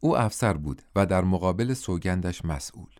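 Low-voiced male audiobook narrator. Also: lively intonation, a little mellow.

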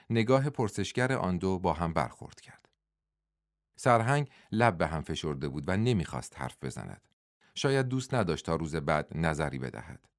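A man reading a novel aloud as audiobook narrator, in steady scripted storytelling. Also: lowish voice, no room sound, studio quality.

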